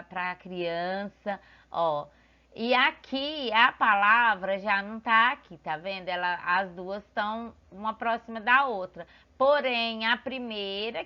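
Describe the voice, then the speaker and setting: A woman teacher talks children through a lesson at an unhurried, patient pace. Her voice sits a little high, and she keeps pointing things out with small checking fillers. The recording sounds dull and lo-fi. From Brazil.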